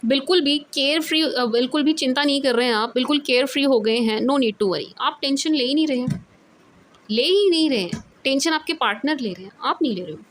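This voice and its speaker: A woman's voice: high voice, a little fast. A woman giving a casual tarot reading to camera, switching between Hindi and English. She repeats her points for emphasis and often breaks into laughter. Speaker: tarot reader. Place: away from her usual recording spot.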